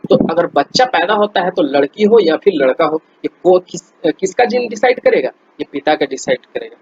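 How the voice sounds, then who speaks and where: Husky, chatty male quiz teacher. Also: high-pitched, expressive, normal speed, a little mellow, dry recording, muffled recording. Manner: chatty, many fillers and restarts, addresses viewers as friends. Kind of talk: casual explainer lesson.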